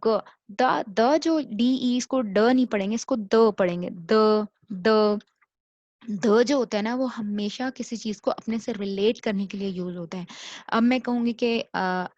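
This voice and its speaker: A woman teaching a recorded language lecture, repeating each word slowly so learners can copy it and mixing English into her explanations. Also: mid-range voice, a little mellow, no room sound. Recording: dull lo-fi recording.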